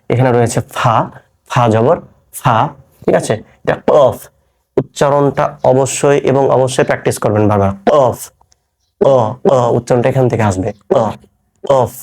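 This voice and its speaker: A man's voice: mid-range voice, darkish tone. A man teaching a class on Quranic letter pronunciation, patiently repeating each sound and checking that his students follow.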